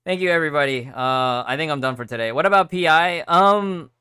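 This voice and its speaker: Male game streamer, casual live commentary, bright forceful tone, very dry close sound. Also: a little high, expressive, normal speed, clear, resonant tone, dry recording. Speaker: game livestreamer.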